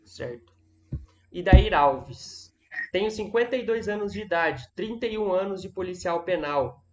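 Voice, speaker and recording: A man's voice: sits high, expressive, a little slow, slight background noise. A man moderating a live session, reading out viewer questions and giving brief acknowledgments between them.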